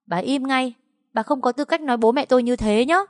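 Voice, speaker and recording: Sassy young woman mocking everyone, voiced by a woman, higher pitched, dry sound. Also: brisk, darkish tone, no room sound, close to an everyday voice. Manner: sarcastic, cutting.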